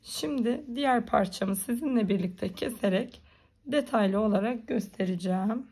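A woman with a hoarse, gravelly, cracking voice, giving informal step-by-step craft instructions as a tutorial host. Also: a little high, moderate pace, darkish tone. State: hoarse, strained voice from being unwell.

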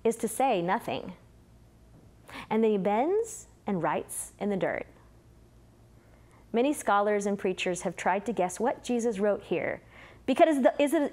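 A middle-aged woman delivering a sermon in a measured, earnest way, seated at a table in a small studio. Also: medium pitch, animated, a little mellow. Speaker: preacher.

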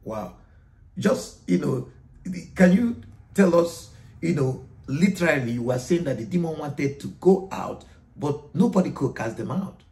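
A man's voice: on the high side, lively intonation, unhurried, darkish tone. A man hosting as a minister, prompting his guest with leading questions. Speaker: host and minister. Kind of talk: interviewing a guest. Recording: roomy echo with faint background noise.

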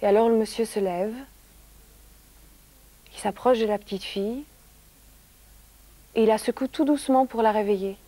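A soft-spoken woman telling a story to children in a TV studio, sometimes dropping to a whisper. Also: on the high side, fairly even intonation, moderate pace, long pauses, dry recording.

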